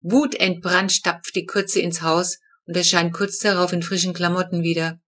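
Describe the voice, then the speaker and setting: A woman reading a children's story aloud with lively storytelling. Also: on the low side, normal speed. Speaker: audiobook narrator. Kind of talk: scripted narration.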